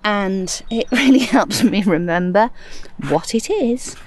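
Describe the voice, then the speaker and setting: Out in her garden, a middle-aged gardening podcast host talks casually to her listeners as she plants, slightly breathless. She has a mid-range, darkish voice with lively intonation and a slow pace, and she's chatty and self-amused, with slight background noise.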